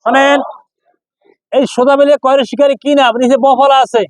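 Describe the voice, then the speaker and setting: Man, Quran reading teacher, classroom drill, repetitive call-and-response, very high-pitched voice. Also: flat delivery, no room sound. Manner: repetitive, calls out questions, drawn-out chanting of letter names.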